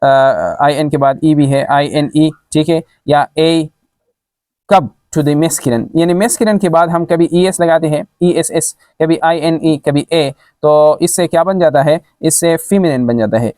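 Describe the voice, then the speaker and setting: Guy doing a grammar lesson, bit high voice, spells stuff out letter by letter, dry close sound. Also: fairly even intonation, slow pace, darkish tone, no room sound. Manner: spells words out letter by letter, many fillers. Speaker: English grammar teacher.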